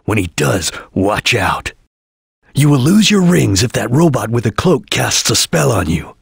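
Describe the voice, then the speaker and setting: A stern, disciplined ninja chameleon from a video game, speaking in tactical, deliberate phrases. The voice is very husky with a gravelly edge, and its pitch swings in a lively way at a middle register. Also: male voice, dry recording, clean studio sound, exaggerated voice. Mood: calm, tactical. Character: serious, disciplined male ninja chameleon detective, cool and tactical. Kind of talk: video game character voice lines.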